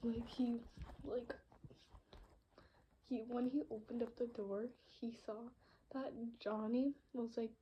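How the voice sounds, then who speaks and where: A voice actress with a fairly high, fairly even voice improvises a listener role-play story into a phone at home. She speaks slowly with long pauses, rambles with plenty of fillers, and sometimes drops to a whisper. The sound is lo-fi, with a little hiss or hum.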